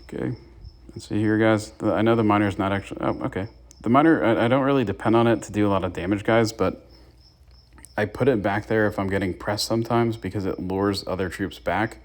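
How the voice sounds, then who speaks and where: A young man giving casual gameplay commentary and tips to his viewers as the channel's host. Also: lowish voice. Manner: chatty, gives tips to viewers. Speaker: gaming YouTuber.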